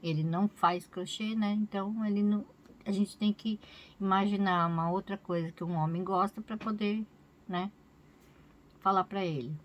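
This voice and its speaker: A woman's voice: medium pitch, fairly even intonation, moderate pace, lo-fi sound. A woman with a Brazilian Portuguese accent, a crochet vlogger chatting casually and rambling, often tagging her sentences with a questioning "né?". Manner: rambling, chatty, keeps adding "né?". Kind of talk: casual chat to camera.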